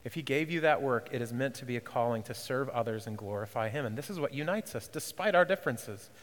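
A man preaching a sermon as pastor, earnest, swinging from hushed to emphatic, with casual conversational asides. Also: mid-range voice, animated, fast talker, in a large hall. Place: church.

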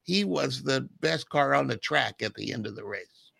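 A man's voice: medium pitch, lively intonation, normal speed, gravelly, a bit bright, no echo. A man co-hosting motorsports radio, telling stories with laughs. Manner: storytelling, laughs while talking. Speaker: radio co-host, stats man. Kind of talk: casual studio chat.

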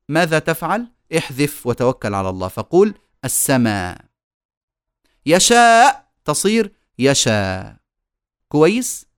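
A man teaching Quran recitation in a recorded online lecture, explaining patiently and slowing down to model each sound. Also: on the high side, no room sound, studio quality.

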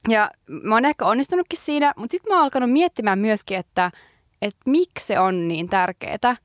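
A woman's voice: on the high side, expressive, no room sound, studio quality. A woman co-hosting a casual podcast conversation, talking in a reflective, hedging way with many fillers. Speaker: podcast co-host.

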